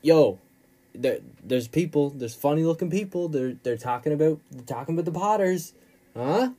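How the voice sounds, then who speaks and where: A man voicing a blustering middle-aged office boss who sounds loud, rattled and excited. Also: fairly high pitch, moderate pace, pitched above the performer's own voice.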